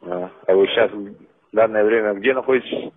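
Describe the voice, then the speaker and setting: A young man answering a police duty line as a trainee, terse and matter-of-fact, with a gravelly, husky voice. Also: fairly low pitch, a little fast. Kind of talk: official phone call. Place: phone call. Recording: tinny, band-limited phone line.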